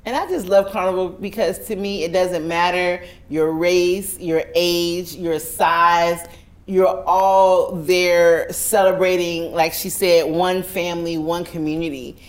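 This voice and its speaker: A woman's voice: lowish voice, fairly even intonation, slow. A woman hosting an interview show, upbeat and encouraging, often chiming in with agreement. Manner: enthusiastic, affirming interjections. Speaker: host. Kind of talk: casual interview.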